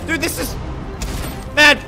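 A man talking through a voice changer that raises his pitch, giving playful, self-mocking gameplay commentary as a video creator. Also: slow, music in the background. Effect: voice changer raising the pitch.

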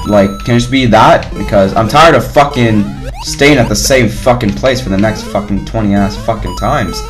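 A young man doing casual gameplay commentary, swearing loudly as he plays. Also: on the low side, moderate pace, over music, low-quality recording. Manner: loud, swearing, frustrated outbursts. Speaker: gaming YouTuber. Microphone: headset.

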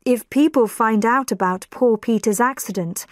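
A woman voicing a worried, evasive male church reverend in a storybook reading, speaking slowly and carefully. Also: fairly high pitch, no room sound, clean studio sound, close to an everyday voice.

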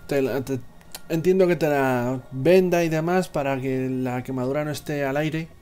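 A young man with an accent from Spain, improvising narration as game master in a halting way. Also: mid-range voice, a little mellow, smooth. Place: small indoor room at home.

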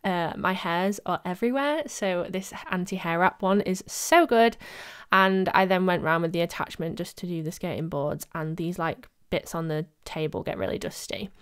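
A woman's voice: fairly low pitch, moderate pace, clean tone. A young woman narrating her home cleaning vlog in a casual, chatty voice-over, self-mocking and laughing often. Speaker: vlogger. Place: home studio, voice-over recorded separately.

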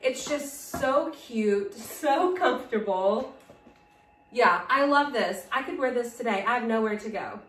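A woman talks casually to camera in an upbeat style vlog, with plenty of "like" fillers. Her voice sits a little high. She is recorded from a tripod some distance away in a roomy, echoey space at home. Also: lively intonation, a little slow, a bit bright. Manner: chatty and upbeat, with frequent "like" fillers. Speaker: fashion vlogger. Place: room at home, filming on a tripod.

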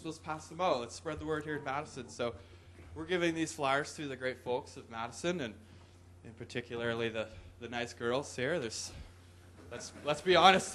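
A mid-range, slightly bright male voice comes through with a bit of background noise. The young speaker is presenting an easygoing, joke-filled tech talk into a podium microphone, drawing laughter and whoops from the conference crowd.

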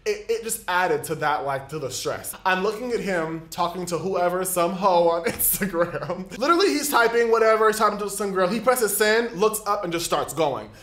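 Young male vlogger, animated and exasperated, high voice, roomy echo. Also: moderate pace, few pauses. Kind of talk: storytime vlog. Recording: echoey room.

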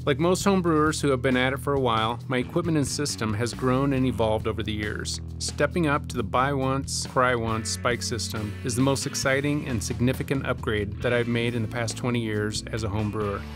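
A man in his forties, a home brewer, narrating a scripted voice-over with a measured, steady delivery. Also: mid-range voice. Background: guitar music.

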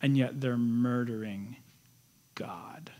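High-voiced animated male preacher. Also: normal speed. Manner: animated storytelling, acts out quotes in lively voices. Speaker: pastor. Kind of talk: sermon.

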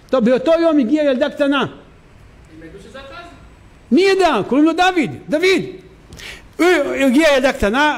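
High-voiced rabbi preaching emphatically. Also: male voice. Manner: emphatic, animated storytelling with repetition. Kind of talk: sermon. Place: synagogue.

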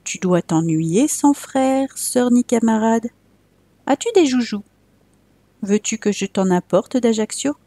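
A woman's voice: fairly high pitch, animated, slow, mellow, dry recording, pitched above the performer's own voice, heavily acted. A woman voicing a cunning grown-man gendarme in a storybook tale who coaxes a child in a falsely friendly way. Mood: coaxing.

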